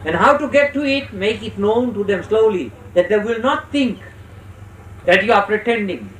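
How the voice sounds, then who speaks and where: Really high voice, spiritual teacher preaching slowly w/ pauses, distant mic, bit of noise. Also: lively intonation, reverberant. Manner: instructive, checks listeners' understanding. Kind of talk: religious discourse with parable storytelling.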